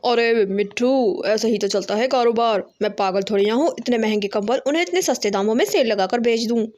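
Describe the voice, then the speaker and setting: Woman playing a scheming shopkeeper, smug, cartoon villain, somewhat low for her. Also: fairly quick, a little mellow, lightly acted. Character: greedy male shopkeeper running a fraudulent sale.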